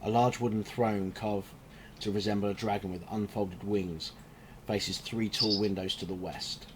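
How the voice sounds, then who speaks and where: A man acting as game master, narrating a tabletop game with a mix of halting improvisation and read-out description. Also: on the low side, fairly even intonation. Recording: faint background noise.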